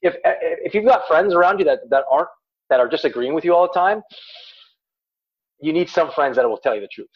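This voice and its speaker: A man's voice: fairly high pitch, expressive, brisk, pauses often, slightly rough, highs cut off. A man speaking as a life coach in a podcast chat, emphatic and repeating words as he makes his points. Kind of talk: podcast guest talk.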